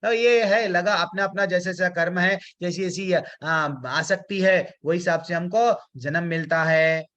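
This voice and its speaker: Male spiritual teacher, high voice, chants verses between casual explanations, dull lo-fi sound. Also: fairly even intonation, a little slow, few pauses, fairly bright tone. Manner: mixes Hindi with English words, chants Sanskrit verses; conversational, many fillers and restarts. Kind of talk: devotional scripture class.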